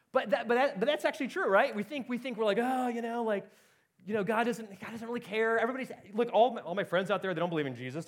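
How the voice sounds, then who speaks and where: A man preaching a sermon in an urgent, conversational way, often dropping quiet and then rising. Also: on the high side. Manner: urgent, conversational preaching with rapid swings in loudness.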